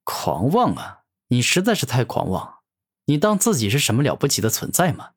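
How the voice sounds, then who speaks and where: A man voicing a cocky young male martial hero who taunts his enemy with self-assured calm in a fantasy audio story. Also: medium pitch, normal speed, breathy edge, heavily acted. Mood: mocking.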